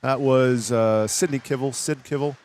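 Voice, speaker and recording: A man doing live play-by-play commentary for a hockey game, brisk and rising in pitch on the big plays. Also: fairly even intonation, a little mellow.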